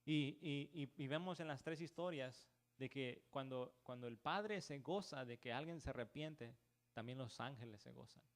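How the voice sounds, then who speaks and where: A man's voice: mid-range voice, normal speed. A man preaching a church sermon who keeps calling the listeners "brother" and asking "right?", often restarting words and mixing in English words. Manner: peppers talk with "hermano" and "¿verdad?".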